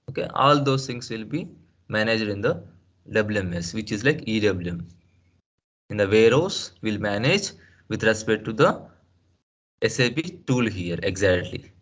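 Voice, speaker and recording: A man teaching a software lesson over a screen share, explaining step by step with rhetorical questions, fillers and restarts. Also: lowish voice, lo-fi sound. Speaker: SAP trainer. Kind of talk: screen-share tutorial lecture.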